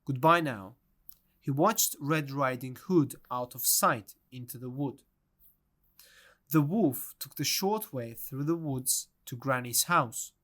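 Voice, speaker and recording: A man's voice: mid-range voice, animated, fairly bright tone. A man narrating a children's storybook aloud. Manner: slow, deliberate storytelling.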